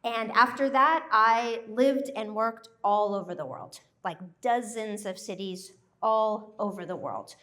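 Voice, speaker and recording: An American woman who grew up in Thailand, giving a joyful, animated live presentation to a workshop group. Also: a little high, a little slow, few pauses. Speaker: workshop speaker.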